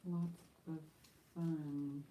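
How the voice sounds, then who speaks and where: A woman's voice: low-pitched, level tone, drawn-out words, mellow, a little hiss or hum. A woman running a live online auction as auctioneer, mixing casual, chatty patter with bid calls in an informal, rambling way.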